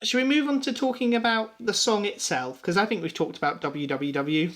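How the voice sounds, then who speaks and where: A man's voice: high voice, a little fast, fairly bright tone. A man co-hosting a casual music chat, rambling and self-deprecating. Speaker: podcast co-host.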